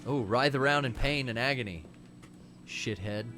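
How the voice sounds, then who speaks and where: This livestream co-host talks at a moderate pace in a medium-pitched voice as he plays a game, music running underneath. He's animated and casual, cursing and mocking the in-game enemies.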